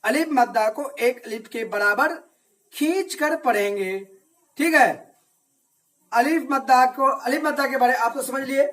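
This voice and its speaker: A man teaching an Arabic reading and religious lesson to children. He asks questions, answers them himself, and repeats each point slowly. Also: extremely high pitch, a bit bright. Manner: slow, repetitive drilling.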